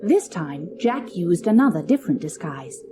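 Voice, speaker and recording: Expressive woman reading a storybook. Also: on the low side, normal speed, music in the background. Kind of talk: scripted storybook narration.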